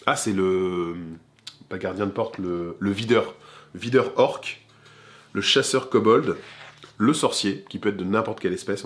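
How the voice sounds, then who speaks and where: A man hosting a board game channel, presenting a game in a chatty, informal way and talking straight to the viewer. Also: fairly low pitch.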